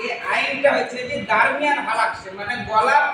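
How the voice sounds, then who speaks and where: Teacher guy w a very high voice, drills letters, far off in a big echoey room. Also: steady tone. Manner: drills letters with questions, slow drawn-out sounds. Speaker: madrasa teacher. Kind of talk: classroom Arabic pronunciation lesson. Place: classroom. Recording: echoey classroom from far off, noisy.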